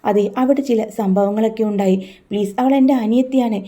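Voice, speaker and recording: Woman as earnest protective older sister, reassuring, very mellow voice. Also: on the high side, a little fast, lightly acted. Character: devoted young woman, protective elder sister.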